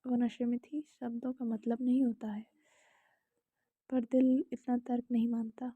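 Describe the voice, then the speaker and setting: A young woman with an Indian accent narrating a romantic story calmly, sometimes in a whisper, with casual asides to the listener, in a slightly dull, dry home recording. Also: fairly high pitch, unhurried, husky, no room sound.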